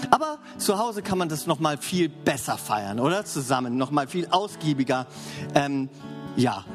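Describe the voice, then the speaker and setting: A man preaching a sermon to a congregation in a lively, conversational way, often asking them for agreement. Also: on the high side. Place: large church hall. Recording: long hall reverb, faint music behind.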